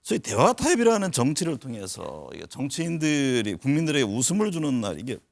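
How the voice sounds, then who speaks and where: A man's voice: mid-range voice, big pitch swings, a little fast, gravelly, dry recording, studio quality. A male TV news anchor hosting a political interview, asking polite questions and prompting with short backchannels.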